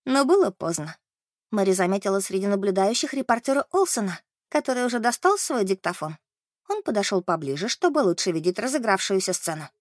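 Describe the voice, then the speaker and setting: A woman narrating an audiobook in an expressive, animated way. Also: mid-range voice, fairly quick, dry recording, studio quality.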